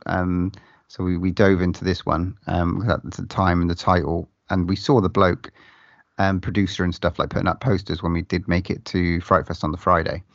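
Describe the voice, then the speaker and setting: A low-voiced man with a gravelly edge talks loosely in casual podcast chat, swearing freely and stumbling into restarts. His voice sits dry and close, with a slightly dull, lo-fi sound. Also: no echo. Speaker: podcast co-host.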